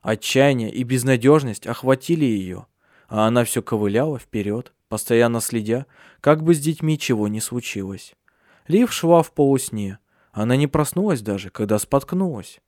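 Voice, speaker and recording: A man narrating a dark fantasy audiobook in a measured, expressive reading. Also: mid-range voice, no echo, clean studio sound.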